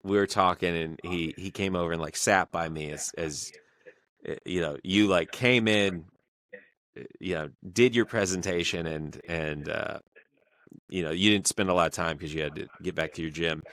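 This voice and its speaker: A man hosting a podcast, telling stories in a halting way, full of fillers, in a casual conversation. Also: deep voice, fairly bright tone, no echo. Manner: halting, filler-heavy storytelling. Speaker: podcast host.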